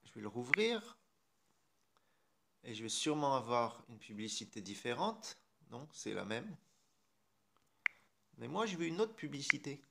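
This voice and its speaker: A man's voice: mid-range voice, very animated, measured pace, creaky, long pauses, heavy background noise. A man with a French accent hosting a casual phone tutorial, chatty and irreverent, with mild swearing. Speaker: tech tutorial host. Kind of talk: casual screen-recorded tutorial.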